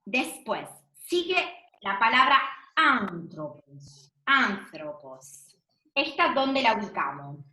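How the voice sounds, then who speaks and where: A woman's voice: medium pitch, big pitch swings, slow pace, pushed and bright. A woman teacher, leading an online class in a patient way, asking questions and affirming answers. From Argentina. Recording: echoey room.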